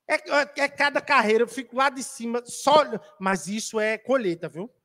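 Speaking at normal speed in a very high, sharp-toned voice, a man delivers a spiritist lecture in an auditorium. He tells a story in a chatty, teasing manner and calls out audience members by name.

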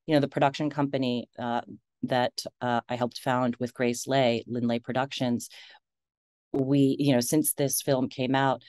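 An American woman in her forties with a low voice is an interview guest on a video call. She speaks unhurriedly yet animatedly, often restarting her sentences and laughing easily. The sound is dry and close, with no echo.

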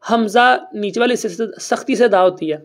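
A patient recitation teacher leads a classroom lesson in a middle-pitched voice. The teacher explains each rule step by step in a plain, conversational way. Students are kept busy answering and repeating the teacher's questions back. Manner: patient, quizzes students and has them repeat. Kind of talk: classroom lesson with call-and-response.

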